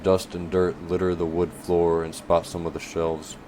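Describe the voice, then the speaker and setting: Brief: low-voiced man narrating a fantasy audiobook, measured pace, slight air-conditioning hum behind. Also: monotone, a little mellow.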